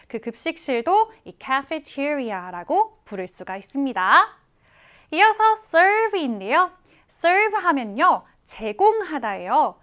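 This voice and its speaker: A woman teaching English vocabulary to students, explaining each word slowly and clearly and repeating example readings. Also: high-pitched, a bit bright.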